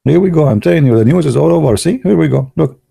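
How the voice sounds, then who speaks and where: Playful joking man with a mellow voice. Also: on the high side, lively intonation, fast, vocal fry, breathy edge, dry recording, clean studio sound. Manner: playful, teasing, non-native English phrasing. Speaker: video commentator. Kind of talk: joking commentary.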